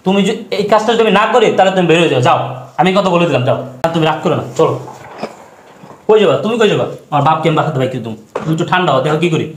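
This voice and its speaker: A man's voice: a little high, lively intonation, very fast, a little hiss or hum, lightly acted. An actor playing a brusque young husband who throws his father out to please his wife. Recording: echoey room.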